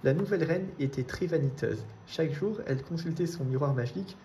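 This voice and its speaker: Guy reading kids' storybooks out loud, mellow voice, bit higher, faint hiss. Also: a little fast. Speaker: reader. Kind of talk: reading children's books aloud.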